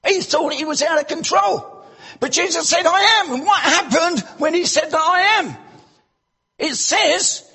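In a church, a man delivers an animated sermon, bursting into loud exclamations and putting rhetorical questions to the congregation. His voice is very high-pitched and his pace a little slow.

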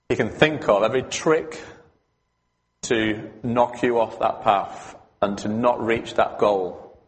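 A man preaching a sermon at a mid pitch, leaning into his points and putting questions to the congregation. His voice carries a long reverb from the hall around him. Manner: conversational, emphatic, asks the congregation questions.

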